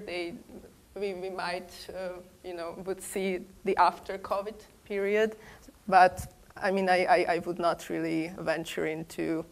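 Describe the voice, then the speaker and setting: Woman panelist, monotone, measured and cautious. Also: fairly low pitch. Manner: hedging, careful. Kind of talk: panel discussion. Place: large room with a seated audience.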